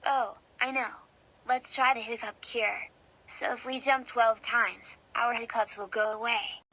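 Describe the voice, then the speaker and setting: A woman's voice: on the high side, steady tone, unhurried, bright, forceful tone, heavily acted. A woman voicing a cheerful kid singer who leads the group, speaking in an upbeat way.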